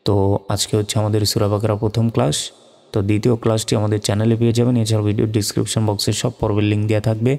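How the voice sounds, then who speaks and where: A man with a low, mellow voice teaches Quran reading slowly and patiently, spelling out each Arabic letter and vowel mark before chanting the verse. A long hall reverb trails his words. Faint music sits underneath. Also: vocal fry. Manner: slow, patient, methodical.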